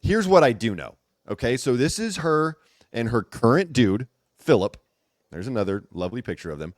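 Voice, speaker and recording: A man hosting a casual gossip commentary chat, talking in an animated, teasing way with emphatic repetition. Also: medium pitch, moderate pace, no echo, studio quality. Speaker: host.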